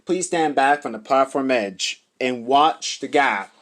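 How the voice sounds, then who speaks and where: A man reads scripted subway announcements as a transit announcer, in a formal, measured way. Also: mid-range voice, fairly bright tone.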